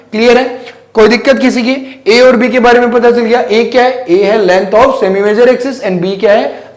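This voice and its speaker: A male physics teacher giving a classroom lecture, mixing English math terms into his talk and often checking whether students follow. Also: high-pitched. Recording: echoey room.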